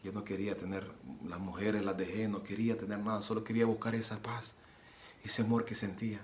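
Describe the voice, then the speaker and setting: A man's voice: lowish voice, little pitch movement, fairly quick, slight background noise. Earnest man, roomy echo. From Nicaragua. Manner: earnest, repeats phrases, re-enacts dialogue. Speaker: preacher giving testimony. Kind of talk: personal religious testimony. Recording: roomy echo with soft guitar music.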